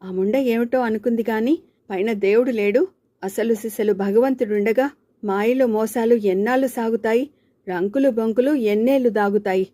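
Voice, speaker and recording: A woman's voice: a little high, moderate pace, mellow, no echo, studio quality, natural voice. A woman reading a furious scolding mother-in-law. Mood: angry scolding. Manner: harsh, cursing, indignant.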